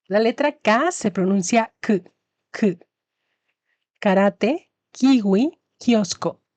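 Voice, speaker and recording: A woman's voice: mid-range voice, expressive, darkish tone, dry recording. A woman teaching Spanish in a scripted lesson narration, carefully pronouncing each example word. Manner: slow, careful enunciation of example words.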